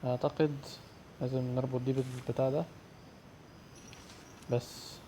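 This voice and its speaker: A young man with an Egyptian Arabic accent doing fast, excitable commentary on a horror game, yelling and swearing when scared. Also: mid-range voice, slight background noise. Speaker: gamer.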